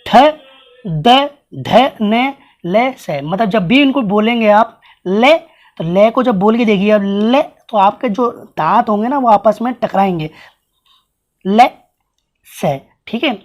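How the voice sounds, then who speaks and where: Man teaching, sounding out letters. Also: sits high. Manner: sounds out letters slowly and repeatedly, asks the class questions. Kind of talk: blackboard-style grammar lesson.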